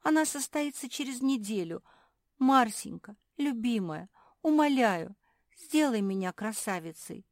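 A woman puts on a weepy young labrador bride in a storybook. The voice sits high and loud and pleads without pause. It sounds remorseful and close to crying. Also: expressive, no echo. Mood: pleading. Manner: pleading, sobbing apologies.

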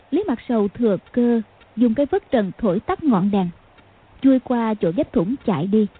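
A woman narrating a martial arts novel as an audiobook, with a steady, measured reading. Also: a little high, husky. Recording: phone-like lo-fi sound.

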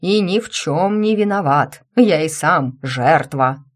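A woman's voice: sits low, expressive, takes it slowly, heavily acted. A woman reading an audiobook voices a grumpy, self-pitying male cat who used to be a university rector, grumbling and irritable.

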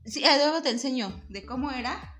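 A Mexican woman in her forties hosts a casual chat show with a fairly high voice. She tells stories animatedly, laughing often and slipping into little acted voices. Soft music plays faintly behind her. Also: fairly quick. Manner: lively storyteller, laughs often, acts out voices. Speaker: podcast host.

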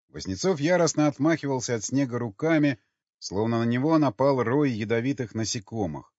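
Husky male audiobook narrator. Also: medium pitch, darkish tone. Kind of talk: scripted narration. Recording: dull lo-fi audio with faint music.

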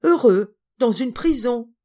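A woman voicing an excitable, indignant middle-aged spinster cousin in an audiobook, with exclamatory, melodramatic speech. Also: on the high side, unhurried.

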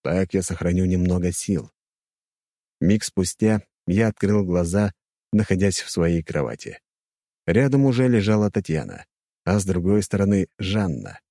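A man reads a first-person fantasy audiobook in a low, mellow voice. His pitch moves in a lively way across his lines. The recording is dry and close, with no room sound. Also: normal speed, no room sound. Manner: expressive storytelling. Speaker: audiobook narrator. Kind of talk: scripted first-person narration.

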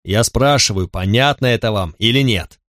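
A man's voice: on the low side, moderate pace, fairly bright tone, no room sound, clean studio sound, lightly acted. A man voicing a brutal, contemptuous male centurion drill instructor who barks at recruits in an audiobook. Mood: scornful. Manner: barking, contemptuous.

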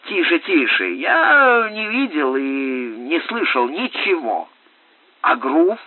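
A man reading an audiobook, voicing a rough old captain who tells a rambling story in a loud, excited way. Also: a little high, takes it slowly, no echo, heavily acted. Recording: dry, tinny phone-like sound.

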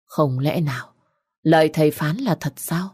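A woman narrating a melancholy romance story in a steady, somber way. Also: low voice, moderate pace, husky, dry recording, studio quality.

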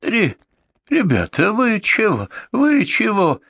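A frightened drunken brawler whines and stammers in a shrill, strained voice far above the reader's own, as a man acts him out. The pleading never lets up. The storybook recording is dry and close. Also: wildly swooping pitch, takes it slowly, gravelly, a bit bright, no echo, full character voice. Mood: panicked pleading.

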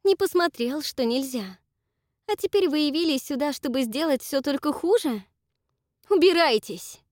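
An embittered young woman, as a female audiobook reader voices her, high and tense with a sharp, cold edge. She speaks in a commanding way, recorded very dry and close. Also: very animated, moderate pace, no echo. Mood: cold hostile. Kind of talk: audiobook character voice.

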